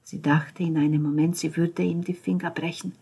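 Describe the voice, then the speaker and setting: A woman narrating an audiobook in a calm, measured reading voice. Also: deep voice, creaky, husky. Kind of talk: scripted narration.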